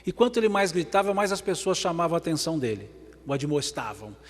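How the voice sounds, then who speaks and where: A man with a Brazilian Portuguese accent giving a religious lecture, swinging between emphatic loud passages and hushed ones. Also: a little high, quick pace. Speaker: spiritist lecturer. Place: large event hall. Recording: long hall reverb.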